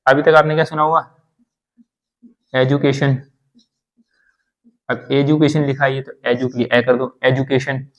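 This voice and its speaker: A man's voice: medium pitch, fairly even intonation, brisk, low-quality recording. A man teaching English grammar in a classroom lesson, repeating terms and reassuring learners. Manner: repetitive, reassuring explanations.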